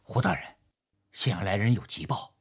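A man's voice: lowish voice, expressive, moderate pace, vocal fry, breathy edge, full character voice. An actor playing an obedient male household servant in a historical TV drama, speaking deferentially.

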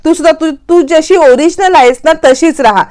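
A woman's voice: high-pitched, moderate pace, darkish tone, pitched above the performer's own voice, lightly acted. A woman doing a sly scheming young husband. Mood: coaxing.

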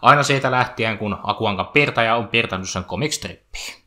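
A man's voice: fairly low pitch, sharp tone, slight background noise. A man giving chatty, joking let's play commentary over a video game, with playful asides. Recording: faint game music behind.

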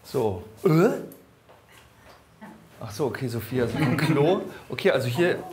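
A man's voice: medium pitch, lively intonation, noisy background. Chatty man hosting backstage. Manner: chatty, teasing, quick laughs. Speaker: host. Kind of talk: casual chat. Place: backstage dressing room in a studio.

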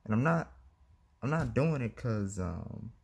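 A man's voice: medium pitch, lively intonation, unhurried, vocal fry, husky, dull audio. A man talking to the camera in a casual, rambling vlog, hesitant and giggly, with many restarts, recorded on a phone. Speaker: vlogger.

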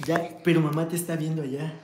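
A man's voice: on the high side, little pitch movement, quick pace. A father, hosting a casual family livestream, playful and teasing with his kids. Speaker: father and vlog host. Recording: echoey room with clear noise.

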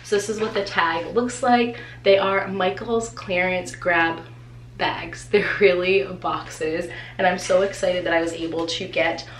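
Speaking a little slowly, a New England teacher who also vlogs does a casual unboxing in a small, echoey indoor room, seated before her camera. Her lowish voice is nasal and congested, and she's chatty and excitable, sprinkling in many "like" fillers. A faint hiss runs underneath.

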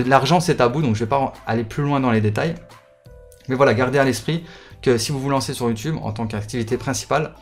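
Youtuber guy talking to his viewers, mid pitch, lots of euh and restarts, bit of music in the back. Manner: hesitant, many fillers, repeats words. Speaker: gaming YouTuber. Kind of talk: casual Q&A talk to viewers.

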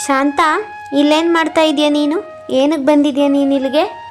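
A woman's voice: high voice, steady tone, moderate pace, a little mellow, faint music behind, close to an everyday voice. A woman voicing a rich, haughty older sister in a cartoon, scolding and contemptuous. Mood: scornful.

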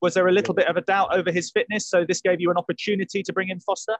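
A man's voice: sits high, level tone, very fast, poor audio. A man in his forties, a journalist asking questions at a press conference over a video call, rephrasing as he goes. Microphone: earphone headset on video call.

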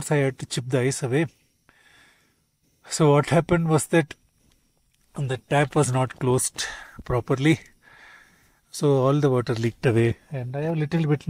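A man's voice: mid-range voice, darkish tone, no room sound. A man in his thirties vlogging casually from inside a parked car in the snowy cold, talking to a close camera while cooking. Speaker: travel vlogger. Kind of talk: casual vlog narration.

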